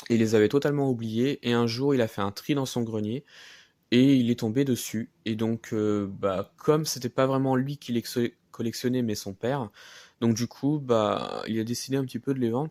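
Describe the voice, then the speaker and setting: A man's voice: mid-range voice, a little mellow, dry recording, clean studio sound. A man presenting his flea-market model car finds in a casual vlog, talking hesitantly with many fillers and restarts. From France.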